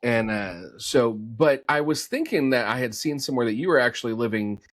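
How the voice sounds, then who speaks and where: A man's voice: mid-range voice, expressive, normal speed, dry recording, clean studio sound. A middle-aged man hosting a podcast interview, hesitant and searching for his words. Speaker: podcast host.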